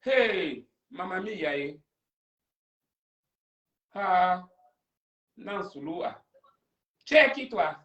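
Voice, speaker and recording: A man runs a live stream and takes callers, dramatic and quick to push back. His voice sits a little high. The sound is roomy and distant from the mic. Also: expressive, fairly bright tone, highs cut off. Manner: theatrical, confrontational. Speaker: livestream host.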